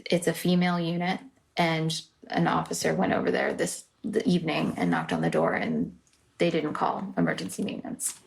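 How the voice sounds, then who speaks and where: A woman's voice: low voice, expressive, normal speed, creaky. An apartment manager, a woman, giving police a matter-of-fact, detailed account. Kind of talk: report to police.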